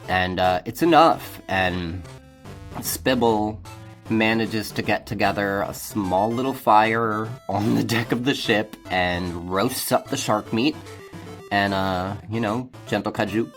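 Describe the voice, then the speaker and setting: Solo game narrator, man, slow and low-pitched, rambling, faint music underneath. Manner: relaxed, rambling, many fillers. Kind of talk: casual solo tabletop narration.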